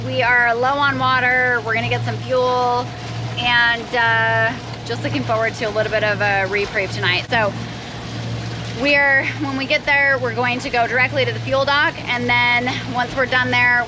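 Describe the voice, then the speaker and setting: A woman's voice: a little high, noisy background. A North American woman chatting casually to the camera as a sailing vlogger on a boat. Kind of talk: casual vlog chat. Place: on a sailboat.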